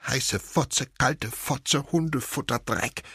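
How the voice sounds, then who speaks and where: Man voicing a young man in a fit, audiobook, shrill, loud, hysterical, breathy. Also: takes it slowly, no room sound, clean studio sound, full character voice. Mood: frantic.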